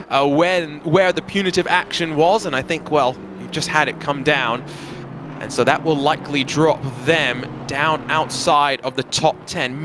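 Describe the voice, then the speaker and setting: A man's voice: a little high, noisy background. A man giving live commentary on a racing event as part of a broadcast team. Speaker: motorsport commentator.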